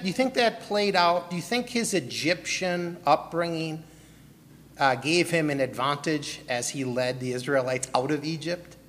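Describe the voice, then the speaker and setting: A Milwaukee pastor preaches a sermon built around his personal testimony, questioning the congregation and calling on people by name. His voice sits on the high side with a fairly bright tone, and a long hall reverb trails after every word.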